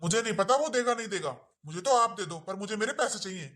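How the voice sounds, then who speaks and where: A woman's voice: mid-range voice, expressive, fast talker, a bit bright, natural voice. A woman playing an insistent young man who demands his money back in a family drama skit.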